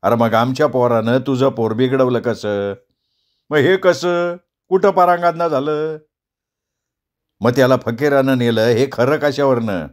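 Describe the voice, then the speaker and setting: A male storyteller voicing a proud, quick-tempered elderly village man who scolds and boasts in rustic speech. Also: mid-range voice, close to an everyday voice. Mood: scornful.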